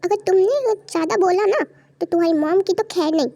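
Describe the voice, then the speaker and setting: A high young voice playing a hot-tempered young mafia boss husband in an amateur fan audio drama, curt and threatening. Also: animated, fairly quick, gravelly, mellow, full character voice.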